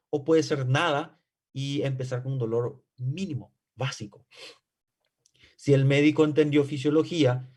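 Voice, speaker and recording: A man's voice: medium pitch, darkish tone. A man giving a classroom physiology lecture. He asks himself rhetorical questions, keeps checking understanding, and briefly acts out patient and doctor exchanges.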